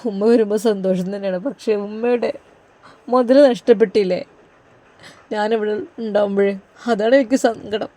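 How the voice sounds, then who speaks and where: Narrator doing an anxious, pious young husband. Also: male voice, sits high, steady tone, moderate pace, pauses often, warm tone, natural voice. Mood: sorrowful. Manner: earnest, pleading prayers. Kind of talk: storybook narration, inner monologue.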